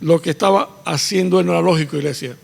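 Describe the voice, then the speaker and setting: Gravelly, husky man preaching in a church. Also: on the high side, fast talker, in a large hall. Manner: preaching with rising emphasis, switching between Spanish and English. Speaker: pastor. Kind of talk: bilingual sermon. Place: church sanctuary.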